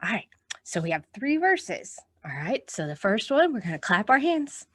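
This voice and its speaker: This storytime host, an American woman, has a husky medium-pitched voice with big pitch swings and speaks at normal speed with no room sound. She reads aloud and leads action songs for young children, encouraging them with questions and praise.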